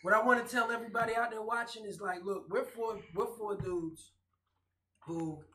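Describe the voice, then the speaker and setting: A man's voice: high-pitched, steady tone, moderate pace, crowd noise. A man hosting a casual group show with frat-bro buddy hype, speaking emphatically and repeating phrases. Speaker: host of a pregame show. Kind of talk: casual hyped group banter to viewers. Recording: roomy echo, clear background noise.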